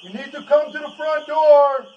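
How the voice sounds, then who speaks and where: A police officer, a man, shouting repeated loud commands through a megaphone. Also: very high voice, flat delivery, normal speed, recorded from a distance, muffled recording.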